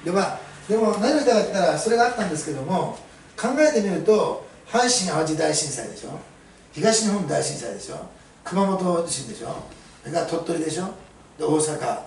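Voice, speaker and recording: A man's voice: fairly high pitch, lively intonation, a little fast, a little mellow. A middle-aged man preaching a sermon as a pastor, telling stories chattily with many fillers. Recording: roomy, mic at a distance, faint hiss.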